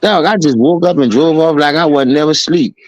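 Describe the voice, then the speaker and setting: A man's voice: a little high, a little fast, dry recording, muffled recording. A man, chatting casually on a podcast and telling loose, profane stories.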